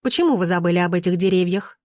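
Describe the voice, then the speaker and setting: A woman voicing a shrill, capricious, imperious wealthy female client in an audiobook. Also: fast talker, no echo, clean studio sound, natural voice. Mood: hysterical. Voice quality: shrill, squealing. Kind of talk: audiobook reading.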